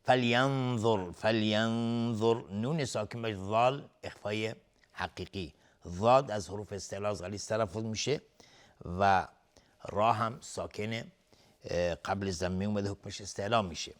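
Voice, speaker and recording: A man teaching tajweed, slowly chanting verse phrases and then briefly explaining the pronunciation rules, sometimes trailing off into a whisper. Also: fairly low pitch. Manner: drawn-out chanted recitation alternating with quick explanation. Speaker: Quran recitation teacher. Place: television studio.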